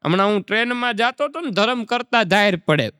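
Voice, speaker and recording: A man's voice: high-pitched, expressive, brisk, pushed and bright, clear, resonant tone, no echo, clean studio sound, long reverb tail. A man, doing folk stand-up comedy and telling chatty anecdotes. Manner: chatty, anecdotal, recites verse. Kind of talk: Gujarati folk stand-up storytelling.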